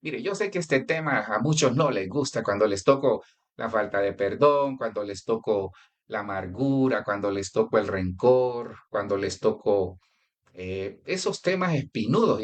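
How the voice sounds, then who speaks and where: Animated conversational pastor, Colombian. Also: male voice, mid-range voice, moderate pace. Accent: Colombian Spanish. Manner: conversational preaching with anecdotes and direct address. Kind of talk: sermon.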